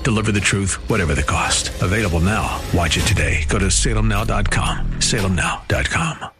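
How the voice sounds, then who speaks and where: Deep male film-ad announcer over music. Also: lively intonation, brisk. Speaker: trailer announcer. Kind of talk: scripted film advertisement.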